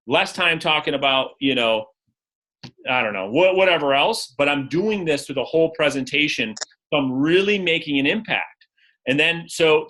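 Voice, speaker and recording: Male sales coach, bright and forceful, slightly high voice, direct and energetic delivery over a video call. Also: slightly rough, low-quality recording. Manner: energetic, direct, role-plays sales scripts. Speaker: real estate coach.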